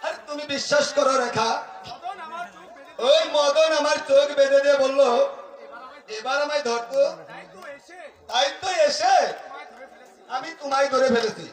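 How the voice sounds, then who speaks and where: A man playing a playful, boisterous young village lover in a folk stage drama, with loud, declamatory, teasing delivery. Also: very high voice, unhurried, long pauses. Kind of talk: Bengali folk jatra stage acting with song. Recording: echoey stage, music and crowd noise.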